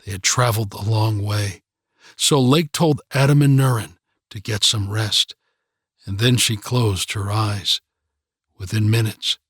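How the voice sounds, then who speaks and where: A man narrates an audiobook in a calm, measured way. His pace is slow and his voice slightly husky, and the dry, close recording has no room echo. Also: on the low side. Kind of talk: scripted narration.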